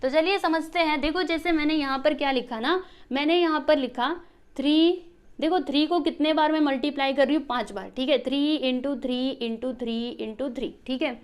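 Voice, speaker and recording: A woman's voice: sits high, brisk. A woman teaching a maths lesson step by step. She keeps asking the class questions and adds "ठीक है" after almost every point.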